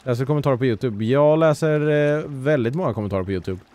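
Chatty streamer dad, sudden yells. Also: male voice, medium pitch. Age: adult parent. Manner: chatty, talks to chat and game characters, bursts into yells. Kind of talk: live let's-play commentary.

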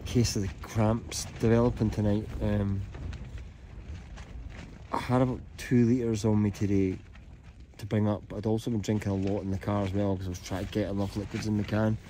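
Guy in his 30s lying in a tent at night, chill rambly vlog talk, lots of ums, mellow voice, bit of faint hiss. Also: lowish voice, normal speed. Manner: relaxed, rambling, many ums. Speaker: hiking vlogger. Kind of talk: casual vlog talk to camera. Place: inside a small tent on a mountain at night. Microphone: camera held close while lying down.

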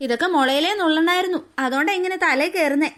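This is a smug, scheming aunt from a cartoon story who sneers at the family she dislikes, as a woman voices her. Her voice sits very high, and her delivery is sarcastic. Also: fast, a bit bright. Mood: sneering. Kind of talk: cartoon voice acting.

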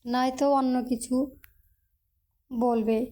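A woman narrating a romantic storybook in a steady reading voice. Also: on the high side, slow.

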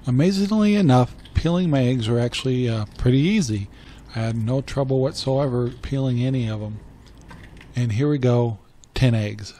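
Mellow older man narrating recipe steps. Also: medium pitch, normal speed, slight background noise. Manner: plain, step-by-step, matter-of-fact. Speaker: cooking channel host. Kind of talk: voice-over narration.

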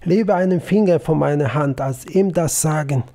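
A man reading a story and voicing a stern, steady older father who burns charcoal in the forest, speaking firmly and solemnly. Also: a little high, normal speed, close to an everyday voice. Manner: firm and solemn.

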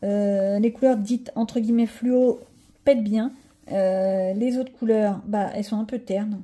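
A woman's voice: mid-range voice, fairly even intonation, measured pace, warm tone. A woman chatting casually to viewers about her coloring books, rambling with many asides and fillers. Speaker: coloring vlogger. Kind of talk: casual chat showing coloring pages.

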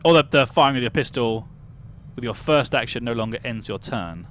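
In a relaxed game livestream, a young British guy says hello to viewers by name and thinks aloud. His delivery is brisk, his pitch medium and his tone fairly bright, with slight background noise.

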